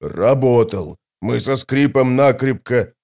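A man narrating an audiobook, voicing a gruff, grumbling male sapper. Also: mid-range voice, expressive, takes it slowly, darkish tone. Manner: grumbling, blunt.

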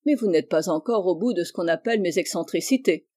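A reader voicing a kind but firm middle-aged male doctor who is an uncle, read in a measured, instructive way. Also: medium pitch, expressive, darkish tone, lightly acted.

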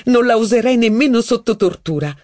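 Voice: mid-range voice, animated, brisk, darkish tone, no echo, clean studio sound, voice pushed up, natural voice. An audiobook reader voicing a haughty, witty aristocratic duchess, with mocking, theatrical, exclamatory speech. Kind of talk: audiobook reading.

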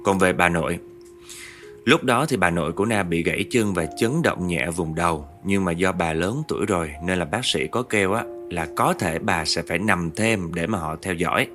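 A man's voice: sits low, fairly bright tone. A man narrating a ghost story in a chatty way, often turning to address his listeners directly.

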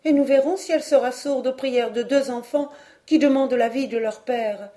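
A woman reading an audiobook, voicing a brave, tearful teenage girl in a high, imploring voice. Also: normal speed, warm tone, lightly acted. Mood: determined.

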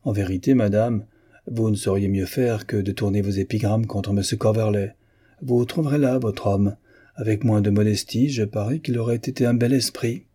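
Man reading a rude idle young lord, blunt and careless, low dark voice, husky. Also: fairly even intonation, normal speed. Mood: dismissive.

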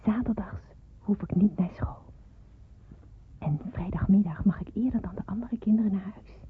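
Over a thin, phone-like radio drama recording, a woman narrates in the first person as an earnest schoolgirl who sounds content. Her scripted delivery is medium-pitched with a breathy edge, at a normal speed.

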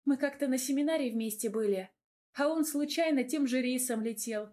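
A cheeky, sharp-tongued young heroine from a romance audiobook, as the narrator puts her on. Her voice jumps up high and bright, teasing and quick to tease back. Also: lightly acted. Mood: playful. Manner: bright, raised, teasing delivery.

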